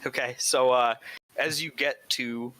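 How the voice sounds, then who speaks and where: A man's voice: medium pitch, steady tone, measured pace, pushed and bright. A man narrating as game master in a loose, rambling casual way. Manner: loose, rambling, laughing asides.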